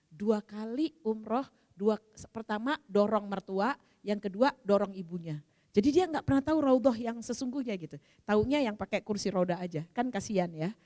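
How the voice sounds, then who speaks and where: A middle-aged woman leads a women's religious study session. Her voice sits a little high, and she is animated, acting out the lines of the people in her stories. Her voice rings out with a long reverb from the hall. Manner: chatty, animated, laughs and acts out dialogue. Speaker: Islamic women's study teacher. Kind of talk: storytelling religious talk.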